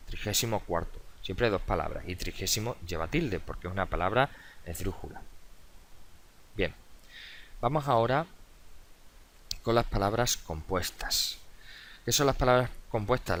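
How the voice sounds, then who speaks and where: A man with a fairly low voice teaches a video lesson, explaining step by step. He asks questions and answers them himself, with fillers and self-corrections along the way. A faint noise sits under the recording. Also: a bit bright. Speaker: adult education teacher. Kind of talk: video tutorial lecture.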